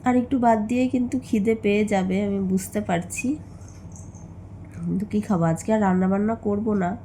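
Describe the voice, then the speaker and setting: Tired, chatty young woman, going hoarse. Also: mid-range voice, steady tone, fairly quick, dark tone, reverberant, slight background noise. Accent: Bengali. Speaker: vlogger. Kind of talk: casual vlog chat. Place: at home, indoors.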